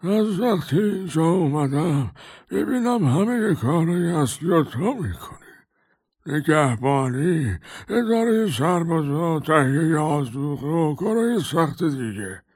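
A man voicing a sly old hermit in a storybook reading, with slow, sneering, drawn-out speech. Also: fairly high pitch, big pitch swings, darkish tone, slightly rough, no echo, pitched above the performer's own voice. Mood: sly, taunting. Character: sly old male bookish hermit, mocking.

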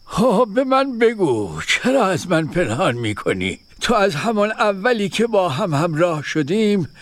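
A man's voice: sits high, big pitch swings, no room sound. A man voicing a kindly, wise wandering dervish who reassures his companion in an audio story. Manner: gentle, reassuring, unhurried. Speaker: second dervish.

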